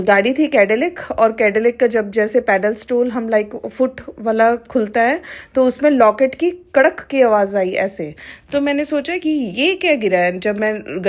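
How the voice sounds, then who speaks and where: A middle-aged woman sharing a devotional testimony with a congregation. She talks haltingly, with many fillers, and mixes English phrases into her Hindi. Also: fairly high pitch.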